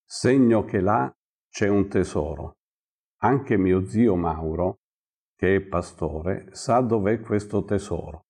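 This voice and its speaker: A proud, defiant young shepherd boy, read by a man in a storybook. The voice stays deep and unhurried, husky and mellow. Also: heavily acted. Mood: secretive. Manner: boastful, defiant. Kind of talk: storybook reading.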